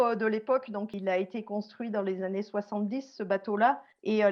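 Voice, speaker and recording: A Swiss-born woman telling her life story as a podcast guest, pausing often with fillers and restarts. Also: mid-range voice, highs cut off. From Switzerland. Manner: hesitant, many fillers and restarts. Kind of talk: conversational interview storytelling.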